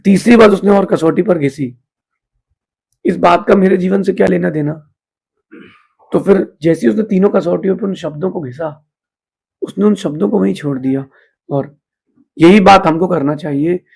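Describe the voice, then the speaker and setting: A man delivers a teaching sermon in an easy, conversational way, slipping English phrases into his talk. His voice sits high and sounds gravelly, with a husky, rough edge. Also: moderate pace, long pauses, darkish tone. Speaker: Jain monk giving a discourse.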